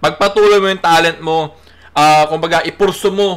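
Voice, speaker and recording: A man's voice: on the high side, steady tone, normal speed, a bit bright, clean tone. A man hosting a reaction video, talking casually with frequent laughs, swearing and filler tags. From Philippines.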